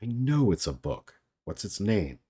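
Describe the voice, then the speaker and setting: A man's voice: on the low side, big pitch swings, a little slow, dark tone, breathy edge, full character voice. Carrot, a man doing an earnest young watchman. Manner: eager, puzzled guessing. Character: earnest simple young male watchman guessing charades.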